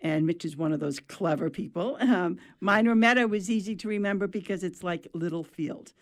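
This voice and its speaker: A woman from Maine with a New England accent, hosting a casual radio talk show and chatting with guests, laughing easily. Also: lowish voice. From Maine, USA. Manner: chatty, laughs often, quick asides.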